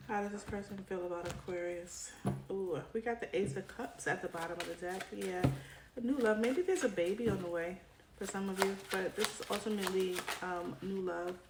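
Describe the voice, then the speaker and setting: In an echoey room filled with clicks and card shuffling, a woman reads tarot casually for her viewers. She talks directly to them, frequently adding "right?", her mid-range voice at a moderate pace growing tired as a cold sets in.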